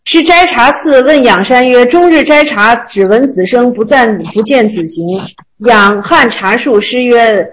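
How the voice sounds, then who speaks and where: A woman teaching Zen koans to a small group. She reads the classical lines slowly, then retells them in a chatty, joking way. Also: on the high side, animated, slight background noise, low-quality recording. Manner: slow, measured reading of classical text, then chatty colloquial retelling; laughs and jokes with listeners.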